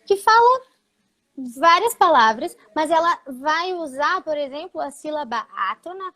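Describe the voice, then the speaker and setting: Lady speech therapist, high voice, explains things slowly and patiently in a live chat. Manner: didactic, steady explaining with frequent fillers. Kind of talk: explanatory live-stream talk.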